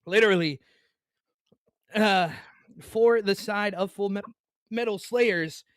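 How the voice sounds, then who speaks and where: Casting an esports match live, this young man hiccups through his play-by-play and keeps apologizing to his viewers. He speaks slowly in a high register. The recording is clean studio audio with no room sound.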